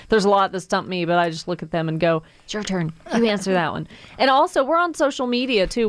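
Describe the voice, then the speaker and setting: A woman's voice: medium pitch, smooth, no room sound. A woman radio host with an informal, chatty way, announcing in the manner of a live contest promo from a studio, close on the mic. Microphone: close studio microphone.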